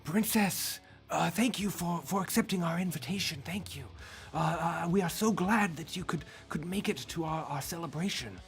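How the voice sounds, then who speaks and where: A man's voice: a little high, normal speed, creaky, soft background music, pitched above the performer's own voice. A man voicing a subservient female elder in a tabletop game, stammering nervously and eager to please. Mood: anxious, deferential. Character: flustered, subservient village elder, anxiously welcoming, female. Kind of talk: tabletop game role-play.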